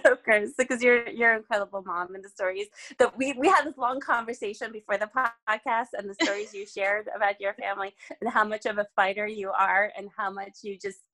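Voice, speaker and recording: A woman's voice: mid-range voice, steady tone, fairly quick, hardly any pauses, a bit bright, soft background music. A woman from the Czech Republic, a physician and mother, talking emotionally and often laughing as a podcast guest. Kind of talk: casual podcast conversation.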